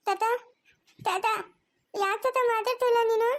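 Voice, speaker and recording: A tearful young granddaughter in a cartoon story, begging in a very high, sobbing voice, as a woman acts her out. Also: steady tone, takes it slowly. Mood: tearful pleading.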